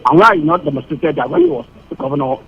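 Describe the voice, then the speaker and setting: A Nigerian man calling in to a radio show over a phone line. He speaks haltingly and repeats himself while he looks for words. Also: fairly high pitch, animated, faint music behind. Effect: heard over a phone line. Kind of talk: phone-in opinion call.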